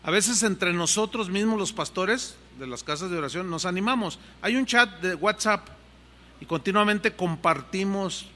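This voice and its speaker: Older man, pastor, earnest conversational sermon, high-pitched, long hall reverb. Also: moderate pace, bright, forceful tone. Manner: conversational and earnest, shifting pace freely. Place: church hall.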